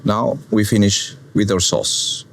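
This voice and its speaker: A man from Argentina with an Argentine Spanish accent, walking through a dish step by step in unhurried, plain English. His voice sits a little low, and he explains each part of the recipe in a calm, patient way. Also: vocal fry, a little hiss or hum. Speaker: chef. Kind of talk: cooking demonstration with commentary.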